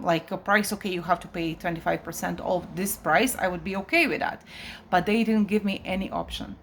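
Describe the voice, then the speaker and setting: A woman life coach talks straight to camera, recounting a frustrating day in a loose, chatty way. Her voice sits at an ordinary middle pitch. She often stops and restarts her sentences. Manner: chatty, addresses viewers directly, many restarts and fillers; exasperated retelling of a shop dispute. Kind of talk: casual vlog storytelling.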